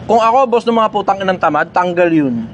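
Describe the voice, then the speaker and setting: A middle-aged man from the Philippines with a high, light voice answers viewer questions in loose, casual talk. He is blunt and swears freely, hammering his points home by saying them twice. A faint hum of noise sits behind him. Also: animated, brisk, muffled recording. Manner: blunt, swears freely, repeats lines for emphasis.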